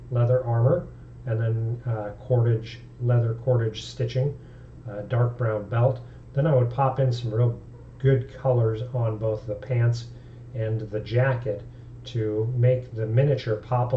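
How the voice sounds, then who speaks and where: A man's voice: medium pitch, lo-fi sound, slight background noise. A man streaming about tabletop games, talking casually and thinking aloud in an easygoing way. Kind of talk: casual live-stream talk.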